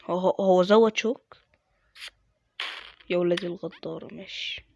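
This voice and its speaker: A man's voice: high voice, moderate pace, vocal fry, darkish tone, muffled recording. Muttering Egyptian man gaming. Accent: Egyptian Arabic. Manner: mutters to himself, self-mocking, with sudden exasperated outbursts. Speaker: gaming YouTuber. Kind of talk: casual gameplay commentary.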